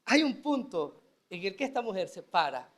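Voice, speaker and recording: A man preaches a sermon, acting out prayers and voices as he goes. His voice sits high and swings widely in pitch, rising and dropping with each point. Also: big pitch swings, normal speed, fairly bright tone. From Venezuela. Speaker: pastor.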